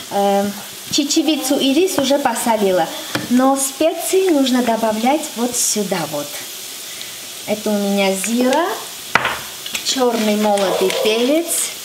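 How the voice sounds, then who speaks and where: A woman in her thirties, a native Armenian speaker, hosts a casual cooking show from her home kitchen, chatty, playful, slow and unhurried. Her voice is a little high. The kitchen is echoey, with a loud music bed and heavy background noise.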